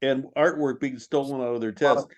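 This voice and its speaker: Man, blunt matter-of-fact tone, average pitch, video call. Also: steady tone, brisk, dull audio. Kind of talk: casual chat.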